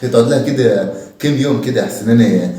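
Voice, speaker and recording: A man's voice: mid-range voice, quick pace, warm tone, lightly acted. A man with an Egyptian Arabic accent acting a grumpy, sarcastic father who scolds and insults his son in a homemade comedy sketch. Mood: scornful. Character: grumpy father, throws slippers, scornful. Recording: echoey room, far from the mic, faint hiss.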